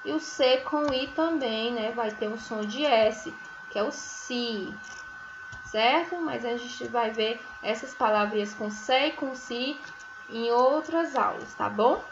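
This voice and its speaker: Woman teaching first graders at a very slow pace, high-ish voice, sounds out each syllable, somewhat muffled recording. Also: noisy background. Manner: frequent checking tags like "né?" and "certo?". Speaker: primary school teacher.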